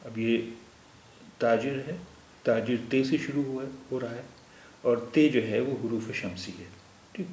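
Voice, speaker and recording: A man's voice: mid-range voice, long pauses, a little mellow. A man teaching a language lesson, patiently explaining each point step by step and repeating terms. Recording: echoey room with faint noise.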